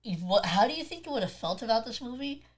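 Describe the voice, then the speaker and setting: A woman's voice: a little high, expressive, fast talker. A woman co-hosting a podcast in casual chat, teasing her partner, swearing freely and cutting in to steer the story. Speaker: podcast co-host.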